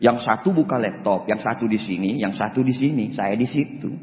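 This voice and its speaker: A young man from Indonesia giving an animated motivational talk, telling a story and acting out both sides of it. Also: on the low side, brisk. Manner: acts out both sides of the story, laughing, shouting quoted lines. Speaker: motivational speaker. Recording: echoey hall, dull sound.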